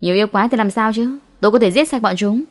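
A woman's voice: on the high side, fast talker, pitched above the performer's own voice, lightly acted. A woman voicing a proud, hot-tempered young policewoman, haughty and indignant, in an audiobook. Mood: defiant.

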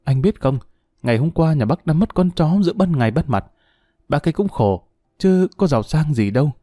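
A man's voice: fairly high pitch, animated, fairly quick, warm tone, no echo, clean studio sound. A man voicing a worried young wife who pleads earnestly with her husband. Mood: pleading.

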